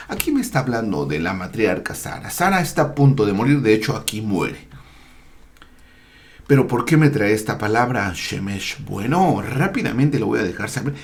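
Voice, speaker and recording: A man teaching a slow, deliberate lesson on Torah, spelling out Hebrew words and letters with frequent hesitations. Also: medium pitch, creaky. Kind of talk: slow explanatory Bible lesson.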